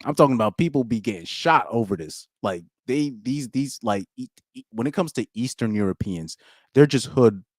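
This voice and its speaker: A man's voice: mid-range voice, lively intonation, moderate pace, no room sound, clean studio sound. A young man hosting a live-streamed podcast in casual chat, reading out comments and rambling with slang and frequent restarts.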